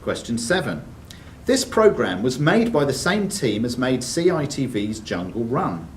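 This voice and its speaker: A quiz master reads questions aloud to contestants in a club room, his medium-pitched voice swinging widely in pitch at a slightly slow pace. The mic is distant, so the sound is roomy and hall-like with faint noise.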